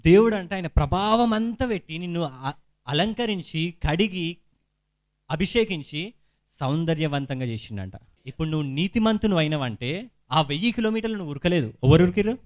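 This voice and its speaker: A young man preaching a sermon, animated and rhetorical, asking questions and reading scripture aloud. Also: fairly high pitch, moderate pace, no echo, studio quality.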